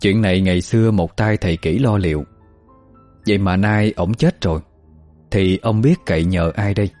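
A male storyteller reading a scripted horror tale in a steady, measured way. His voice sits low and mellow, with quiet music running underneath. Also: no room sound. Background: faint music.

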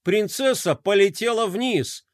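A man narrating a children's storybook in an expressive, animated way. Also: sits high, a little slow, dry recording, studio quality.

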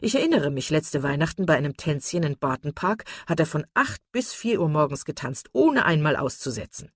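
A woman reading the part of a hearty, blustering country squire, blunt and loud. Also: sits low, sing-song, fairly quick, husky, no echo, studio quality, full character voice.

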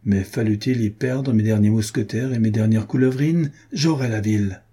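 A man's voice: fairly low pitch, moderate pace, dark tone, slightly rough. A man reading the lines of a proud, ruthless older cardinal in an audiobook, sounding cool and self-assured.

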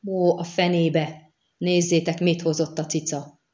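A woman's voice: lowish voice, level tone, a little mellow, lo-fi sound, lightly acted. A woman voicing a bold, blunt young female bandit giving orders, read in a storybook. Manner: blunt, commanding.

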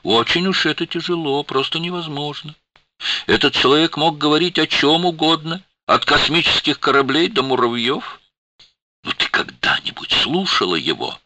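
A man voicing a tired older woman who rambles plaintively in a very high, wavering voice. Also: animated, moderate pace, bright, forceful tone, no echo.

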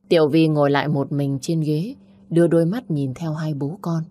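Low husky woman narrating a story. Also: mellow, no room sound, studio quality. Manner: measured, emotive storytelling.

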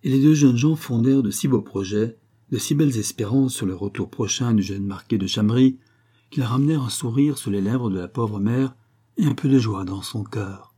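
A man reading a novel aloud as an audiobook in measured narration. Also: medium pitch, mellow, husky. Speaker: audiobook reader.

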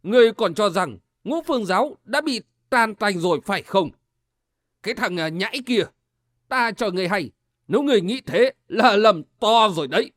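A man's voice: high voice, very animated, moderate pace. A man voicing a cruel, scheming male cult leader who taunts his enemies coldly in a martial-arts audiobook. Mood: sneering. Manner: sneering, cold, taunting.

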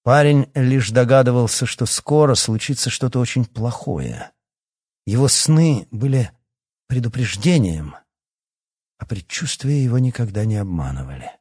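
A man narrating a fantasy audiobook in a steady, measured manner. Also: medium pitch, husky, no echo, studio quality. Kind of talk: scripted narration.

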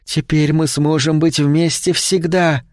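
A man's voice: fairly high pitch, little pitch movement, unhurried, a little mellow, no room sound, studio quality, voice pushed up, natural voice. A man voicing a whispering female vampire. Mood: hungry. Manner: breathy pleading whisper. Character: cold seductive female vampire lover.

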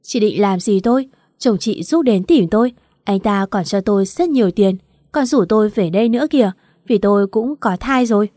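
A woman voicing a brazen, defiant young mistress in a storybook reading, taunting and quick to anger. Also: mid-range voice, lively intonation, warm tone, dry recording, studio quality, lightly acted.

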